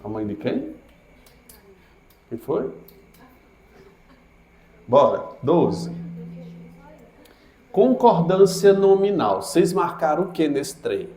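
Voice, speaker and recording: A man leads an exam prep grammar class with a lively, swinging voice, putting questions to his students and answering them himself. He talks at an unhurried pace, and the classroom around him rings with echo. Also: a little high. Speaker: teacher. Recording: echoey classroom.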